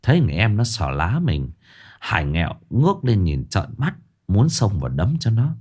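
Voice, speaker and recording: Man, low voice, lively intonation, storytelling narration. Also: moderate pace, breathy edge. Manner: expressive, playful.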